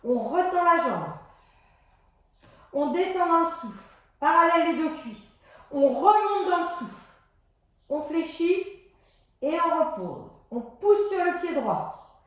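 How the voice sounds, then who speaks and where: A woman fitness instructor guiding a floor exercise class, giving calm step-by-step cues timed to the breath. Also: extremely high pitch. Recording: very echoey exercise room.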